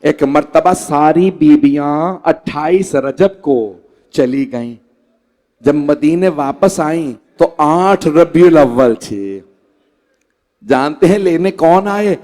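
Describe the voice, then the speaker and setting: A cleric with a Pakistani Urdu accent delivers a mourning sermon to a gathered congregation in a large hall. His voice sits high for a man, and he stretches his words into a slow lament that climbs into pleading cries. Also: animated, a little mellow. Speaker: Shia cleric reciting a majlis. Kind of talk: Muharram majlis sermon with mournful recitation.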